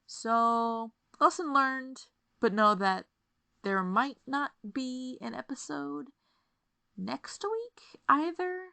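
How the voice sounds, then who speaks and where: Slow-talking woman with a gravelly voice. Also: sits high, animated, pushed and bright, no room sound. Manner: slow, rambling and apologetic, laughs often. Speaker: podcast host. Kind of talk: casual chat. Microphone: desk podcast microphone, sometimes peaking.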